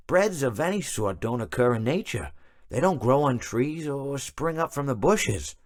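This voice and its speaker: Rambling, swooping animatronic storyteller. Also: male voice, mid-range voice. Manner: halting, meandering, self-correcting, digressive. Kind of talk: theatrical video game character monologue.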